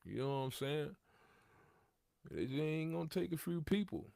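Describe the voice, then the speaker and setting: A very animated man in his thirties hosts a livestream, his gravelly voice fairly high and warm in tone at a normal speed. He talks casually with street slang and repeats his points, and the recording is dry.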